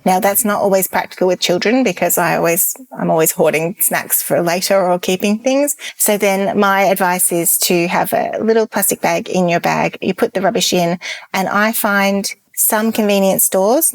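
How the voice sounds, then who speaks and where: A chatty woman talks through her travel tips in an easy, enthusiastic way. Her voice sits low with a gravelly edge. The recording is close and dry. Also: dry recording. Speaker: travel blogger guest. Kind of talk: casual podcast interview.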